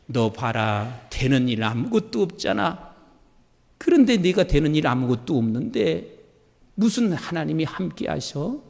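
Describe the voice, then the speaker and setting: A man's voice: a little high, big pitch swings, unhurried, gravelly, darkish tone, big-room sound, pitched below the performer's own voice, heavily acted. A man voicing Satan as a sneering male tempter who mocks the listener's faith. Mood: taunting. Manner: taunting, mocking.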